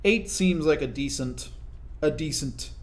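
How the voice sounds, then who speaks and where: A young man giving casual, explanatory commentary over his own gameplay, often tagging his points with quick check-ins to the listener. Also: fairly high pitch, lively intonation. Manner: conversational, explanatory, frequent "right?" tag questions. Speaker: gaming video commentator.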